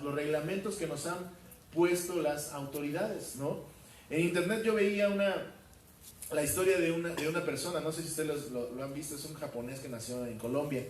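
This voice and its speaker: A man's voice: on the high side, a little hiss or hum. Man preaching, echoey hall. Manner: questions the congregation, many fillers. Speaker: pastor. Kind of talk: verse-by-verse sermon. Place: church hall. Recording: roomy hall from far off.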